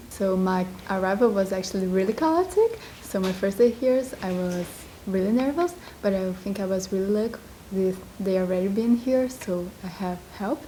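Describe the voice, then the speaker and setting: A teenage exchange student from Brazil, chatty and upbeat. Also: female voice, medium pitch, warm tone, a little hiss or hum, low-quality recording. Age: late teens.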